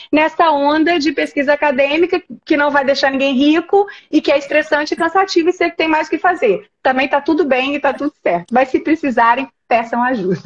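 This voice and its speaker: A woman from Brazil with a high, bright-topped voice tells classroom stories in a casual video call, animating every scene. The audio is slightly dull and lo-fi. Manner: animated storyteller, acts out scenes. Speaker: host, university professor.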